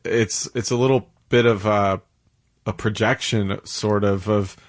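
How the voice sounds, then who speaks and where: A man co-hosting casual talk radio, halting as he searches for words. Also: lowish voice, steady tone. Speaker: radio show co-host.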